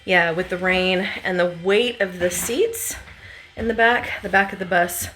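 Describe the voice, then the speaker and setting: Her voice sits fairly low and comes across a bit bright and unhurried. She's a vlogger chatting informally while renovating a bus, thinking aloud from inside the vehicle being converted, with a radio and work noise filling the noisy on-site recording.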